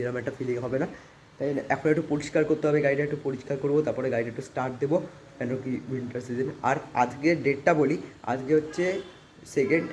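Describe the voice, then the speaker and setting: A man's voice: mid-range voice, darkish tone, slight background noise. A man chatting casually as a vlogger, showing his home and scattering English fillers as he rambles. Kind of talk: casual vlog chat. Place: walking around his home.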